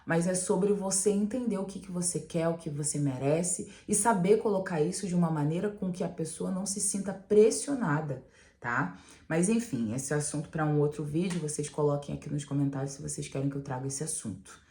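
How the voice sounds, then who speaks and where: A woman giving animated relationship advice straight to her viewers in a casual vlog. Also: deep voice, brisk. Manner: animated, talks straight to viewers with frequent "né?" and "gente". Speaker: relationship mentor, channel host.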